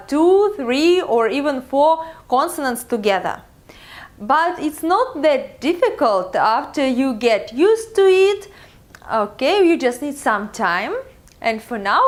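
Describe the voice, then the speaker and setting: A young woman with a Russian accent teaching a beginners' language lesson slowly, with many filler pauses. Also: on the high side. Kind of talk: slow, careful video lesson.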